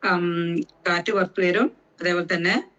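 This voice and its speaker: A woman teaching Quran recitation rules, speaking slowly and deliberately and drawing out each letter sound to show how it is made. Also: on the low side, fairly even intonation, fairly bright tone, lo-fi sound.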